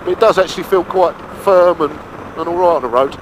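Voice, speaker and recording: A man giving casual, colloquial review commentary from inside a helmet while riding a motorbike. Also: a little high. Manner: colloquial, unhurried thinking aloud. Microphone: mic inside or on the helmet. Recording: muffled helmet mic, clear wind and engine noise.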